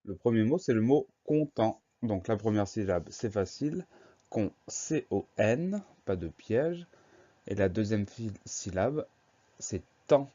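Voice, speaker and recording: A low-voiced male teacher with a mellow tone walks through a spelling lesson, spelling each word letter by letter. He speaks slowly and patiently. The recording is a bit dull and lo-fi. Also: animated.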